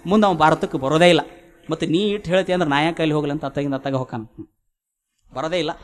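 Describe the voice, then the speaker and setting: Higher-voiced preacher telling a story. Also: male voice, racing. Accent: North Karnataka Kannada. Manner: animated storyteller, voices swinging loud and soft. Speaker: religious preacher. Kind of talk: sermon storytelling.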